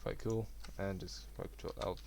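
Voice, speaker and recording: A young man giving a relaxed, rambling software tutorial at his computer. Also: deep voice, normal speed, creaky, slight background noise. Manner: relaxed, rambling, self-deprecating. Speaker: game development tutor. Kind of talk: casual screen-recorded tutorial.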